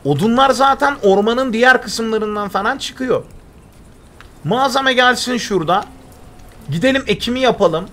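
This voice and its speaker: Very high and bright, this young man's voice comes across forcefully at a normal speed. He streams a survival game, narrating live, talking to himself and reading out and thanking people in chat.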